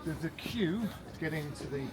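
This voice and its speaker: A man's voice: a little high, animated, normal speed. Man guiding a tour outdoors. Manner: chatty, informative, with restarts. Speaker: tour guide. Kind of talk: casual walking tour commentary. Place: outdoors beside a castle by a road. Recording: loud outdoor traffic noise.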